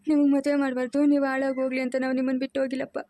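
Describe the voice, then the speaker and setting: A woman's voice: fairly high pitch, fairly even intonation, a little fast, darkish tone, no room sound, close to an everyday voice. A middle-aged woman playing a stern, wounded mother who scolds her family firmly in a home drama. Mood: bitter reproach. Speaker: mother-in-law. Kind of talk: amateur family drama acting.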